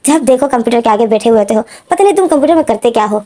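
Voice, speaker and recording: A woman's voice: a little high, expressive, very fast, mellow, natural voice. A woman storyteller voicing a nagging middle-aged mother who scolds her son in a raised voice. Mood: scolding.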